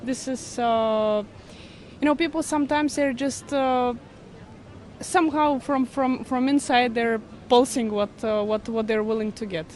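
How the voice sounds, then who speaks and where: A woman interviewed on the street, giving her opinion in halting, earnest English full of fillers. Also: a little high, darkish tone, a little hiss or hum. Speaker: passer-by interviewee.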